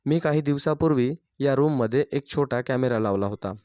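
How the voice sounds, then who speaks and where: A man putting on a calm, firm young bride. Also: medium pitch, brisk, clean tone, no echo, close to an everyday voice. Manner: quiet, firm, composed. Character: young new bride, calm, wrongly accused.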